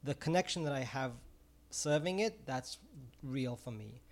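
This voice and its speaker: His mid-range voice has lively intonation and an unhurried pace. A middle-aged man from Israel who sells ice cream and formerly taught music, he talks earnestly in a casual interview, repeating words as he looks for the right phrasing.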